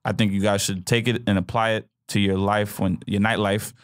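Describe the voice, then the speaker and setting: A man's voice: fairly low pitch, little pitch movement, a little fast, dry recording. A man co-hosting a comedy podcast in a studio, chatting casually and joking, often repeating words as he talks. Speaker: podcast co-host.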